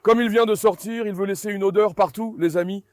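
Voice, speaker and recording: High-voiced man calming his dogs. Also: a little fast. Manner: repeatedly calming the dogs with soothing commands; talks directly to viewers as friends. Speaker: dog owner and channel host. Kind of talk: running commentary to viewers while handling dogs.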